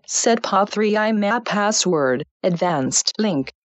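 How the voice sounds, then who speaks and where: A woman's voice: mid-range voice, lively intonation, slow, no room sound. A woman's synthetic voice acting as a screen reader, reading interface labels in clipped fragments. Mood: flat. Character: female screen reader voice, flat and mechanical.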